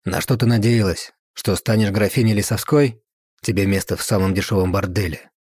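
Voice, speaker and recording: A cold, contemptuous count with a deep, husky voice, read by a man. His words come out cutting, and the recording is dry and close. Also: fairly quick, a little mellow, no room sound. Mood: cold contempt.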